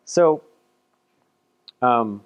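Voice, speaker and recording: Extremely slowly and expressively, a man with a clean, medium-pitched voice presents a paper in a meetup room. He keeps it casual and chatty, poking fun at himself and repeating words often.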